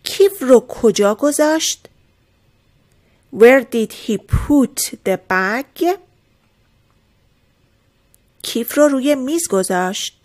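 A woman teaching English irregular verbs, saying each word and example sentence slowly and clearly, then explaining it calmly. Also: high voice. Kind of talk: slow drilled vocabulary lesson.

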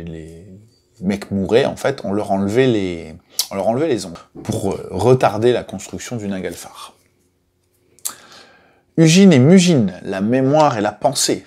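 A man casually telling the stories behind a board game's mythology, chatty and full of fillers, stressing each new name. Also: on the low side. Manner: chatty, many fillers, lively emphasis on names. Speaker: game publisher presenting lore. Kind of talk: casual storytelling explanation.

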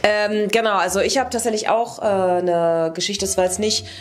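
A young adult woman, a YouTube presenter, talks to camera in an indoor room with background music playing. Her medium-pitched voice holds a steady tone at a moderate pace as she casually tells stories, rambling and correcting herself along the way.

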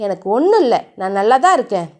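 A woman voicing a stern young male gang boss, storybook style, with low, firm commands. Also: sing-song, fast talker, darkish tone. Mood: tender.

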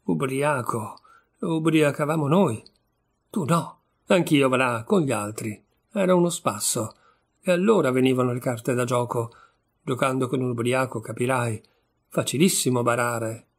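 A man's voice: medium pitch, moderate pace, breathy edge. A man reading a short story aloud, voicing a bitter, sardonic young man disgraced after a trial. He speaks with wry irony.

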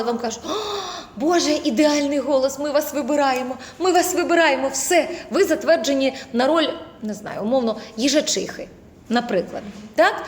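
A woman teaching a voice acting lecture, lively and demonstrative, who keeps slipping into other voices for examples. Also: high-pitched, echoey room, in a large hall.

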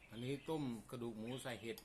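A man from talks casually to viewers while eating, often with his mouth full, in a folksy, explanatory way. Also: fast. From Isan, northeastern Thailand. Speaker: food vlogger. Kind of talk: casual mealtime chat to viewers. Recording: clear background noise, birds chirping. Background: birdsong and ambient noise.

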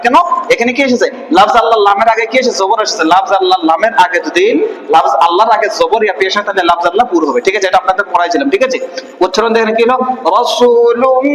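A male Quran recitation teacher with a Bangladeshi Bengali accent, drilling syllables slowly and asking and answering his own questions. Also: high voice. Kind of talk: Quran reading lesson. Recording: echoey room with long reverb.

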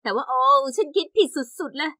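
A young woman narrating an animated story in the first person with lively, exaggerated storytelling. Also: high voice, fairly quick, no echo, studio quality.

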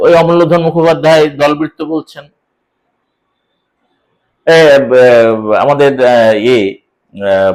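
A man's voice: fairly high pitch, rough recording. A man teaching a lesson on poetic meter, patiently counting syllables aloud and repeating the rules.

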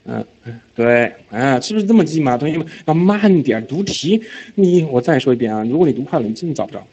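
A man of middling pitch teaches an exam reading class in a brisk, animated way. He keeps checking whether his students follow and slips English terms into his explanations. The recording sounds a little dull and lo-fi. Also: breathy edge. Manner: mixes English words into speech. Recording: slightly dull lo-fi lecture audio.

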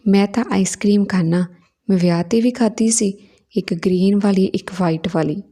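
A woman voicing a confused young man who gives short, halting, childlike answers, in a storybook reading. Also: mid-range voice, warm tone, natural voice. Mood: vague.

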